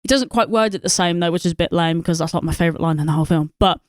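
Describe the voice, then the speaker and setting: A woman's voice: on the low side, rapid-fire, dry recording, studio quality. A woman, co-hosting a podcast and rambling about a film with lots of swearing, fillers and laughter. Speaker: podcast co-host. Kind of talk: casual film review chat.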